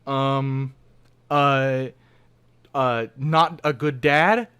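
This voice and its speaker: A man's voice: medium pitch, fairly even intonation, drawn-out words, a bit bright, clean tone. A young man co-hosting a casual podcast chat, telling stories in a rambling way and restarting his sentences often. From Oregon, United States. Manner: rambling, self-interrupting storyteller. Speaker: podcast co-host.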